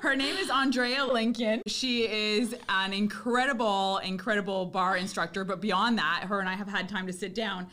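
A woman hosting a casual podcast interview. She talks in an effusive, bubbly way and breaks into laughter often. Her pitch sits in an ordinary middle range. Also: a bit bright. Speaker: podcast host.

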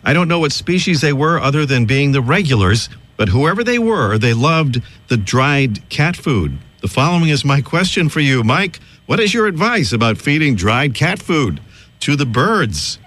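A man's voice: medium pitch, very animated, moderate pace, fairly bright tone. A man hosting a radio show about birds with a jokey, easygoing manner. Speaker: radio host.

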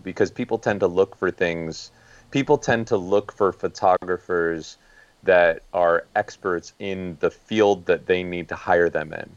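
A man's voice: deep voice, no room sound, highs cut off. A man speaking as a guest photojournalist on a podcast, plain and practical with some fillers. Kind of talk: casual podcast talk.

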